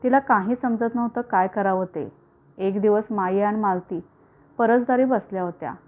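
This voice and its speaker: A woman narrating a village suspense story in a steady, even storytelling voice. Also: mid-range voice, moderate pace, muffled recording.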